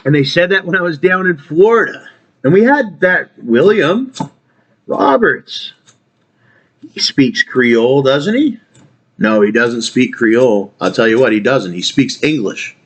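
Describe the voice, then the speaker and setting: A man's voice: mid-range voice, lively intonation, unhurried. A man talking in a rambling casual monologue, trailing off and restarting, swearing casually. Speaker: vlogger.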